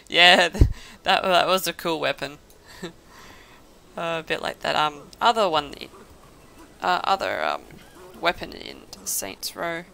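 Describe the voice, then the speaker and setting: A woman's voice: lowish voice, big pitch swings, slow, creaky, long pauses, sharp tone, slight background noise. A young woman chatting casually while playing an online game with friends, laughing often and easily amused, speaking close to her microphone. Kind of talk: casual gameplay chat. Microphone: close desk mic.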